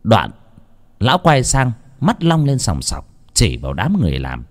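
A man's voice: mid-range voice, wildly swooping pitch, moderate pace. A man narrating a horror folk tale in a dramatic, vivid way. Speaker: storyteller.

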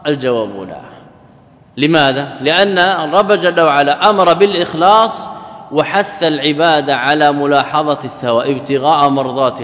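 Arabic lecturer in an echoey hall. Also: male voice, fairly high pitch, fairly bright tone. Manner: explains step by step, quoting then glossing, asks and answers his own questions. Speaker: Islamic scholar teaching a text.

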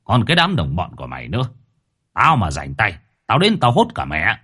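A gruff middle-aged exorcist, bossy and quick to scold, with a husky, lowish voice, voiced by a male storyteller. His delivery rises and falls with lively emphasis. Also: heavily acted.

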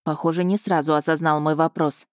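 A woman reading an audiobook in the first person, in a measured and even storytelling voice. Her pitch sits a little low, and the recording is dry and close. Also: no echo. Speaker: audiobook narrator.

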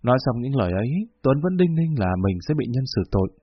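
A man narrating a story in a steady, matter-of-fact reading style. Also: medium pitch, fast talker, breathy edge, no room sound. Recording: dull lo-fi recording.

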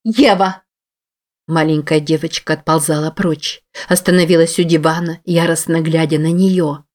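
A woman reads a novel aloud in a low voice, with an even, steady narration. Her delivery is controlled and scripted throughout. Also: normal speed. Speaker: audiobook narrator.

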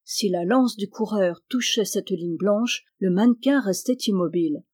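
Steady audiobook narrator of a classic novel. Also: mid-range voice. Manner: steady measured reading. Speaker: audiobook reader.

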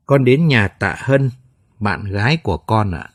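A man's voice: medium pitch, lively intonation, moderate pace, dry recording, clean studio sound, close to an everyday voice. A man voicing a remorseful teenage son who speaks in a subdued, crying voice.

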